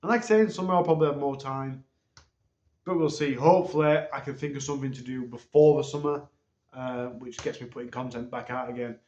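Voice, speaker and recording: A man hosts his own channel and gives his viewers a loose, hesitant update, often pausing on ums. He is recorded on a low-quality phone. The sound is dull and muffled, and the room echoes around his mid-pitched voice. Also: a little mellow. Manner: hesitant, rambling, many ums. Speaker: channel host.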